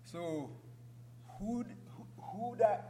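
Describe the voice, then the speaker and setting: Male public speaker, Ethiopian accent, slightly high voice, halting delivery, reverberant noisy hall. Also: warm tone. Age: middle-aged or older, over 44. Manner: halting, asks the audience questions. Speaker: guest speaker, refugee advocate. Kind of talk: public talk to an audience. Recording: echoey hall, clear background noise and hum.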